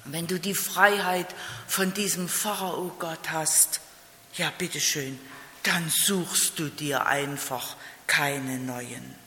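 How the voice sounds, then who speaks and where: A preacher delivers a sermon slowly and deliberately, hammering home key phrases and throwing in rhetorical questions. The voice is bright and sharp-edged. It rings through a large, roomy hall with a long reverb tail. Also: mid-range voice, steady tone, a little hiss or hum.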